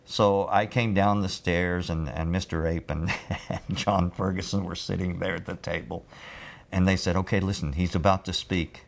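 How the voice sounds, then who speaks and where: Older man with a deep, gravelly voice. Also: level tone. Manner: rambling, with frequent filler pauses. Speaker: former TV audio engineer. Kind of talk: oral-history storytelling.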